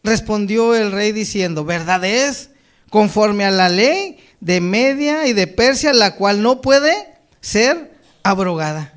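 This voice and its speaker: A man's voice: high voice, animated, smooth. A man preaching a sermon, reading scripture aloud and then talking it over, often calling his listeners brother and asking "right?". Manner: addresses listeners as brother, tags lines with a questioning "right?"; reads quoted lines slowly and loudly, then drops to a soft, quiet tone.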